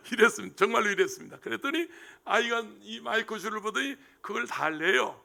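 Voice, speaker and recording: A middle-aged male pastor preaching a sermon, telling a story with emotion and swinging from hushed asides to shouting. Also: high voice, vocal fry.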